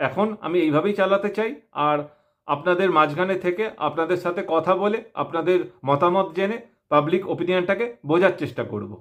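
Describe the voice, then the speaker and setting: A man's voice: high-pitched, fairly quick, fairly bright tone. A man with a West Bengal Bengali accent introducing himself to viewers as a channel host, speaking through a face mask. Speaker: YouTube opinion channel host. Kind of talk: self-introduction talk to viewers.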